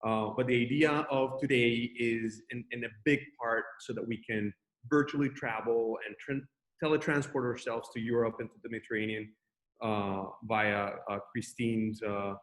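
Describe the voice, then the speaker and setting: A man's voice: mid-range voice, fairly even intonation, normal speed, a bit bright. Man hosting an online Q&A. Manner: friendly, restarts often, loose. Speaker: webinar host. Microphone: video call.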